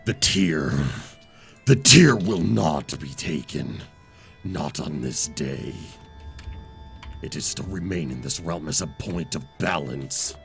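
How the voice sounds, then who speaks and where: A man voicing a stern ancient guardian with a magically amplified booming voice, speaking in slow, grave, commanding pronouncements. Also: expressive, creaky, a bit bright, soft background music, full character voice.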